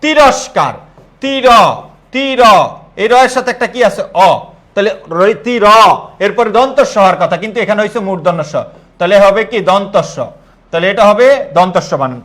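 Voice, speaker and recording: A young man with a Bangladeshi Bengali accent runs a live online Bengali grammar lesson. His voice sits high, and he keeps coaxing his students, asking the same question again and mixing in pep talks. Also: quick pace. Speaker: online admission-test tutor.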